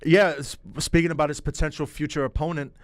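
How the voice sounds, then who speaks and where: A man's voice: on the high side, little pitch movement, fast talker, dry recording. A man with a Brooklyn accent hosting a casual sports talk show, eagerly firing questions and stammering as he starts them. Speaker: host. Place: studio.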